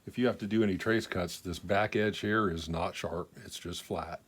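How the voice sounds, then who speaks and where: Older man, low-pitched voice, folksy plain talk, casual show-and-tell, unhurried rambling. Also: steady tone. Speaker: knife collector presenting his pocketknives.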